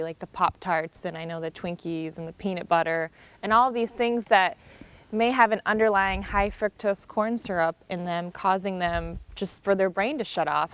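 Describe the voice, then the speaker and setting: A woman's voice: fairly low pitch, smooth. A woman speaking as a doctor on a health talk show, making her points in an earnest, persuasive way.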